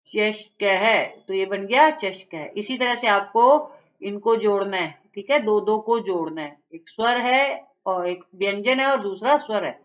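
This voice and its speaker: A woman's voice: medium pitch, measured pace, lo-fi sound. A woman teaching a children's lesson, patiently explaining each step.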